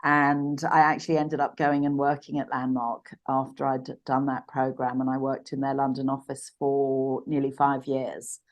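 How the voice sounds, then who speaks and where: Low-voiced woman in her sixties, reflective. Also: flat delivery, dull audio. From Uganda. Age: 60s. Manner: reflective, halting, with frequent restarts and fillers. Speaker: podcast guest. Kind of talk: personal storytelling in a podcast interview.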